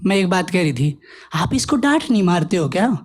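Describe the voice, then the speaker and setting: A man's voice: high voice, very animated, brisk, voice pushed down. A man doing a blunt Haryanvi village mother. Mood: mock polite. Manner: blunt, coarse, threatening, falsely polite. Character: blunt rustic Haryanvi Jat mother, loud, fierce.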